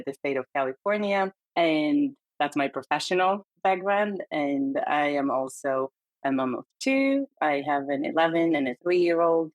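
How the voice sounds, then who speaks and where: A woman's voice: deep voice, no room sound, dull audio. A middle-aged woman from Hungary with a Hungarian accent, speaking candidly and earnestly as a podcast guest, laughing lightly between phrases. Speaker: guest, perinatal therapist. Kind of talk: conversational interview.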